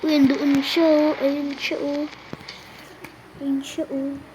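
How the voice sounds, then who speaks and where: High, unhurried voice, excitable teasing streamer, noisy home recording. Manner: excitable, teasing chatter with frequent exclamations. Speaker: gameplay streamer. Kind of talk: casual game commentary.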